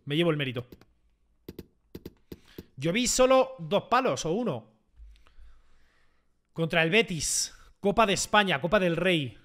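Streamer español agudo y chillón. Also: male voice, sits high, lively intonation, unhurried, long pauses. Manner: shouts and repeats words in bursts. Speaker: gaming streamer. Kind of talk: excited gameplay commentary.

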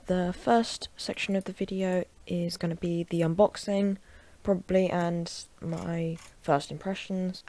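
Woman gamer reviewer, low-pitched and gravelly, casual desk commentary with sudden loud yells. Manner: chatty and offhand, bursting into loud shouts while gaming. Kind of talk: casual unboxing and gameplay commentary. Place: at a desk at home.

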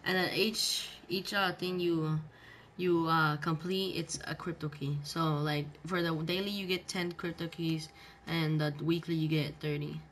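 A man's voice: on the high side, steady tone, a little slow, fairly bright tone. A male gaming video host giving casual gameplay commentary with slangy, bro-heavy talk. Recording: background game noise.

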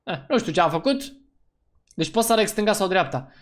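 A man giving let's-play commentary as a gaming YouTuber, excitable and slangy, breaking into loud whoops. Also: high voice.

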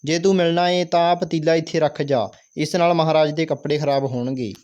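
A man's voice: on the high side, steady tone, fairly quick, a little mellow, natural voice. A man reading the part of a stern, bossy royal soldier in a school play, scolding in his own voice.

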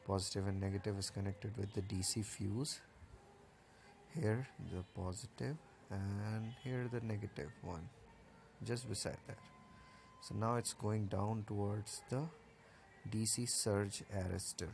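Low, gravelly man explaining a solar setup. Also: steady tone, unhurried, a little mellow, slight background noise. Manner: plain step-by-step explaining with fillers. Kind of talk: casual technical walkthrough. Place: outdoors at a rooftop solar installation.

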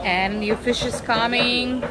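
Slow-talking Russian woman at a busy market. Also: a little high. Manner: excited, chatty with sellers, halting English with fillers. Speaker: travel vlogger. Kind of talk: casual walking vlog. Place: outdoor fish market. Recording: busy crowded market in the background. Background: market crowd.

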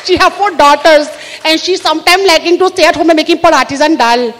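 A woman's voice: very high-pitched, very slow, a bit bright, big-room sound, a little hiss or hum, exaggerated voice. A woman doing a chatty homemaker mum. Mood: doting. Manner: broken English, chatty. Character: doting homemaker mother of four daughters.

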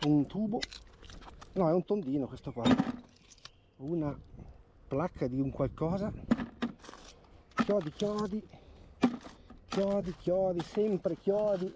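A very noisy clip of a man magnet fishing by a river, giving casual vlog commentary on his finds. He speaks in a high voice, takes it slowly with frequent pauses, and excitedly repeats words when something surfaces.

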